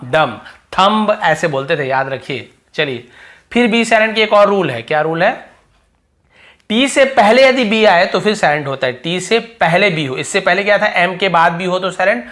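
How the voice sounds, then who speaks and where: A man's voice: fairly high pitch, fairly bright tone. Indian man teaching, repeating each word. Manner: repetitive, emphatic, drills each example word. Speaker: English teacher. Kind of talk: classroom lesson explanation.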